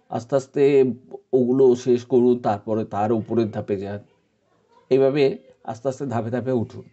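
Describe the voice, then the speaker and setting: A man from India, giving an informal spoken lesson in a patient, encouraging way, with many pauses and fillers. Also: medium pitch, warm tone. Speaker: teacher giving advice. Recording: dull lo-fi recording.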